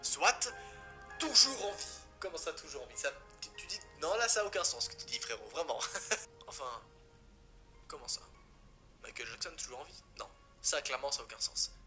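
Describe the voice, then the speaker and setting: A man's voice: medium pitch, lively intonation, normal speed, bright, forceful tone. A man from France telling a horror story casually, cracking jokes and swearing in asides to the viewer. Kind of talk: casual creepypasta narration. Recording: music playing behind.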